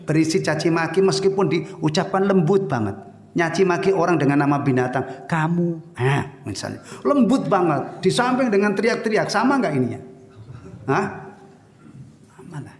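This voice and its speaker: A man's voice: high voice, expressive, normal speed. A man giving an informal sermon as ustaz, talking conversationally and putting rhetorical questions to his audience. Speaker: ustaz teaching a Islamic study session. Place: prayer room after evening prayer. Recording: echoey hall with long reverb.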